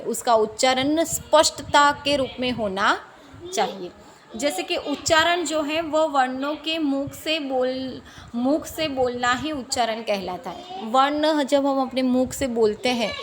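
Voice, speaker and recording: A woman teacher talks through a lesson at an unhurried, deliberate pace. Her voice sits a little high, and she spells words out letter by letter. She asks questions and then answers them herself. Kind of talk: classroom lesson explanation.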